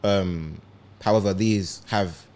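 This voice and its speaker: A young man, co-hosting a casual podcast and describing items in a relaxed, detailed way. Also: deep voice, slow pace. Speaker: podcast co-host. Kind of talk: casual chat.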